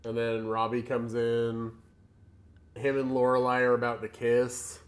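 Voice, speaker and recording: A man's voice: medium pitch, monotone, a little slow. Chatty man laughing through a recap. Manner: loose and chatty, laughs often, filler-heavy. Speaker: podcast co-host. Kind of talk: casual movie recap chat.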